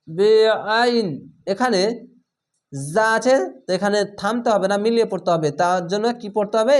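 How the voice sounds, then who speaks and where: In a Quran recitation lesson, a high-voiced man draws out each Arabic word slowly and clearly. He then explains the rules in quick, plain speech, patiently repeating sounds for his learners.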